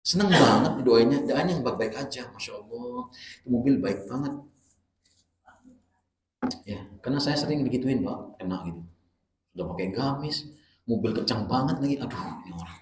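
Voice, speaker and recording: A man preaching a casual dawn study sermon, swinging from soft asides to loud exclamations. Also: mid-range voice, moderate pace, long pauses, slight background noise. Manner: animated storytelling with acted-out quotes. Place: prayer room. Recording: echoey prayer room.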